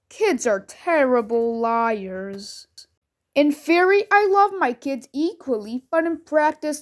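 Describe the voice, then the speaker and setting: A woman narrating a string of short funny posts, reading them out literally, emoji names included. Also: a little high. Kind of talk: text-to-speech style reading of posts.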